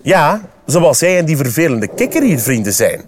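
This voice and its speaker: A man's voice: a little high, very animated, normal speed, slight background noise. A Flemish man voicing a grumbling, put-upon male panda in a children's storybook reading. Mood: grumpy.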